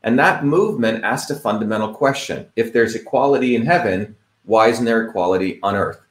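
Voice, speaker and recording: A man's voice: medium pitch, fairly quick, echoey room. A man from India giving a rambling, emphatic lecture-style talk, full of fillers and "quote unquote" asides. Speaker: host of an online talk.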